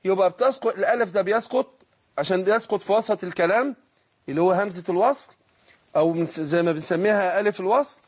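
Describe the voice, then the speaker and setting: A middle-aged man with an Egyptian accent teaching Quran recitation on a call-in lesson, patiently explaining and drawing out the recited words slowly. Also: sits high, slightly rough. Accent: Egyptian Arabic.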